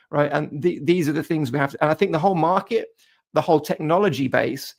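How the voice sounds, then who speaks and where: A man in his forties with a fairly high, gravelly voice, thinking aloud in casual market talk. He repeats himself and keeps checking in with "right?". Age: 40s. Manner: musing, repeats words, tags lines with "right?". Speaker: trading co-host.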